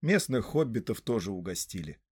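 A man narrating a storybook in a scripted reading, lively and expressive. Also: fairly low pitch, fairly quick, breathy edge, no room sound, clean studio sound. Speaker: audiobook narrator.

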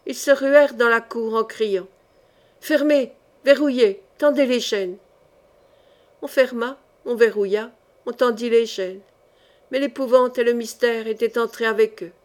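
A woman narrating a historical cloak-and-sword novel in a measured, expressive audiobook reading. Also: a little high. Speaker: audiobook reader.

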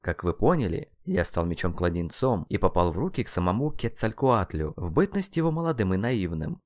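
A man's voice: sits low, sing-song, brisk, no room sound. A man narrating a first-person audiobook with a wry, ironic tone.

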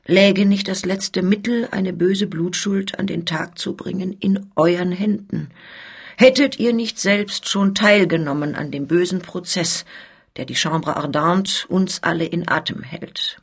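A woman voicing a formal, persuasive male police officer in a dramatic reading, her voice husky. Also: fairly low pitch, steady tone, measured pace, heavily acted. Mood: urgent.

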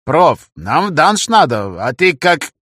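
A man's voice: on the high side, big pitch swings, slow pace, fairly bright tone, no echo, clean studio sound, pitched above the performer's own voice, heavily acted. A man voicing a cheeky male raccoon thief who keeps needling his friend. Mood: urgent. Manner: teasing, needling.

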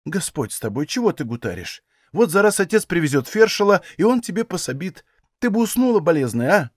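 A man's voice: fairly high pitch, normal speed, no room sound, close to an everyday voice. A stern, fussing old peasant mother speaks in a raised, firm voice, as a man reading the story puts her on. The sound is dry and close. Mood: soothing. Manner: firm scolding, then soft coaxing.

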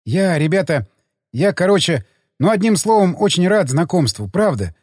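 A man's voice: high voice, sing-song, normal speed, a little mellow, breathy edge, no room sound, studio quality, long reverb tail, voice pushed up, heavily acted. A man voicing a shy, earnest young male sniper who stumbles over his words. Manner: hesitant, stumbling.

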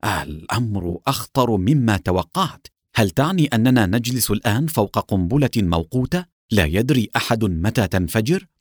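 Storybook: curt irritated engineer, read by a man, fairly low and dry. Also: lively intonation, moderate pace, no room sound. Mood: grave. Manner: curt and indignant. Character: impatient, irritable male engineer.

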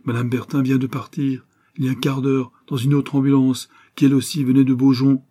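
A man's voice: medium pitch, little pitch movement, brisk, dark tone, voice pushed up, natural voice. A man reading the part of an anxious, kindly old father who insists urgently. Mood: agitated.

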